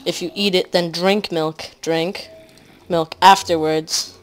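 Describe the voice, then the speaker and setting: A woman giving casual let's-play commentary at home, rambling with lots of fillers and often trailing off quietly. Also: fairly low pitch, steady tone, slow. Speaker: gaming commentator.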